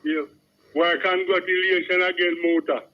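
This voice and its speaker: A man's voice: high voice, little pitch movement, normal speed. A man with a Jamaican accent calling a radio phone-in, chatting casually in Rasta speech and patois. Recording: dull lo-fi phone-in line.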